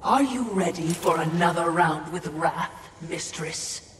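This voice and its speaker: In theatrical video game dialogue, a man plays an obsequious spirit servant with a sardonic streak, sounding formal, snide and fawning. His expressive, unhurried delivery comes through an echoey, distant recording with a faint hiss or hum and loud rumbling game ambience.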